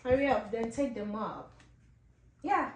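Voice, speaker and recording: A woman with a Ghanaian accent in a comedy skit, scolding and bossing someone around with loud insults. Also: fairly high pitch, measured pace. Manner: scolding, bossy, shouting insults. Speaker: sister-in-law in a comedy skit. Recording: roomy, distant, slight noise.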